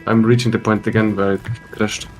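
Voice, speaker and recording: A man's voice: on the low side, level tone, a little fast, darkish tone. A man chatting casually while playing a video game, blunt and grumbling about bugs. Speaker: gamer. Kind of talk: casual gaming chat. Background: game music.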